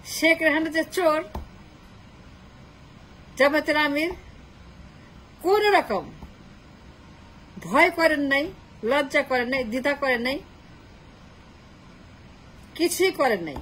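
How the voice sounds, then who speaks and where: A woman's voice: high-pitched, animated, slow pace, long pauses, a bit bright, slight background noise, poor audio. A woman delivering a political monologue, mocking with repeated rhetorical questions. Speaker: political commentator.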